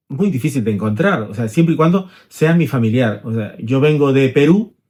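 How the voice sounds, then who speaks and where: A man's voice: medium pitch, a little mellow. A middle-aged man, an immigration lawyer, explaining rules conversationally, walking through hypothetical examples and checking in with tag questions.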